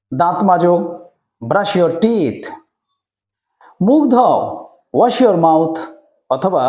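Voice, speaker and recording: A man teaches spoken English. He speaks slowly and repeats each English phrase twice, his pitch rising and falling a lot. The recording has a roomy echo. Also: a little mellow.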